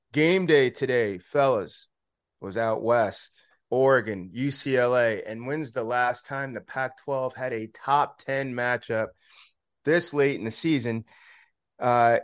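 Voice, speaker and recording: A man's voice: mid-range voice, clear, resonant tone, no room sound. Clean, close-miked man hosting sports talk. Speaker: sports show host. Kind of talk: sports recap and commentary.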